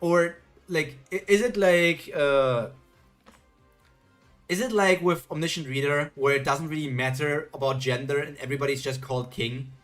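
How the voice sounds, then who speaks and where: Reacting to a webtoon during a live stream, this man reads viewers' messages aloud and chats easily, often second-guessing himself. His voice sits on the high side, somewhat bright, at an ordinary speed, with soft music playing behind.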